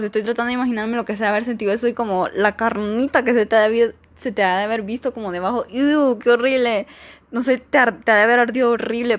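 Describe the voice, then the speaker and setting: A young woman, reading out viewer stories and reacting in a chatty, expressive way. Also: mid-range voice. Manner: chatty and expressive, lots of fillers and exclamations. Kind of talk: casual chat.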